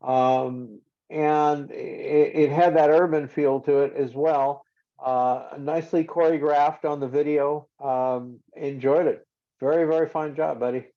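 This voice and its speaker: A man giving feedback on a podcast call, halting with many "um" and "uh" pauses. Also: a little high, steady tone. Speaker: guest musician. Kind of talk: casual video-call feedback. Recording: dull lo-fi call audio.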